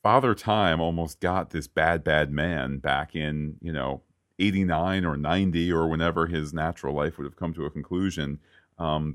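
Deep-voiced man on a podcast. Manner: animated, slips into mock quoted voices. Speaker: podcast co-host. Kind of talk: casual podcast chat.

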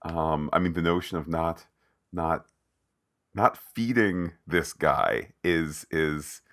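A man's voice: sits low, takes it slowly, fairly bright tone. A man co-hosting a podcast, discussing a TV episode in casual chat with a wry, playfully mock-formal manner. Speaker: podcast co-host.

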